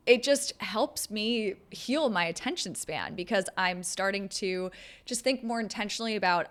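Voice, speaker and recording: A woman speaking as a video creator in a reflective, conversational commentary, pausing mid-phrase as she thinks. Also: mid-range voice, a bit bright. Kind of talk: reflective talking-to-camera commentary.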